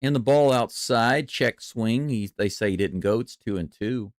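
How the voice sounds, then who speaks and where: A man doing live baseball play-by-play and reaction in a chatty, excitable way. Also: medium pitch, normal speed, dry recording, clean studio sound. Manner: excitable, chatty, jumps from calm to loud cheering. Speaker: play-by-play streamer.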